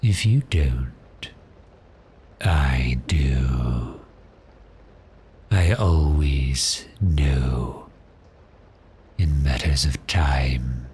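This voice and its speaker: In an intimate ASMR roleplay with a little background noise, a man plays a predatory vampire, his exceptionally low, breathy voice often dropping to a half-whisper. He talks extremely slowly and lingers on pauses, toying with his prey with gentle menace. The delivery is heavily acted and the mood quietly menacing.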